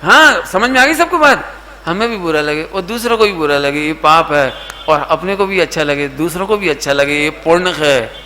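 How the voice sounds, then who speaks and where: Man, middle-aged, preacher, sermon, coaxes answers from listeners, piercing bright tone. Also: a little high, lively intonation, moderate pace, slight background noise. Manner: asks the audience questions and coaxes answers; mixes English words into his talk. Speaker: Jain preacher. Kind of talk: sermon to a youth camp.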